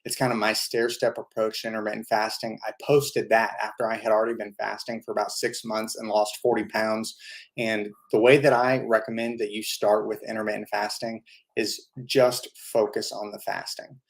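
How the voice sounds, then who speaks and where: A man in his thirties hosts a casual live-stream question session. His voice sits slightly low, and he tells his stories in a relaxed, rambling way, filling the gaps with plenty of small fillers. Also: normal speed. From United States. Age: 30s. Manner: easygoing storytelling with frequent fillers. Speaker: channel host answering viewer questions.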